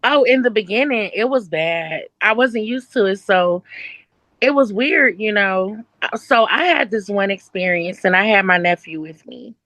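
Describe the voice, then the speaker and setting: A woman from Northeast Ohio, a guest telling stories in a casual interview and acting out voices with big jumps in pitch. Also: animated, moderate pace, a bit bright, dry recording.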